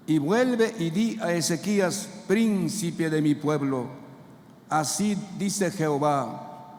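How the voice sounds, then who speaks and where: Male pastor, fervent sermon, unhurried delivery, long church reverb. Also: a little high. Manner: fervent preaching with call-and-response to the congregation. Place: church sanctuary.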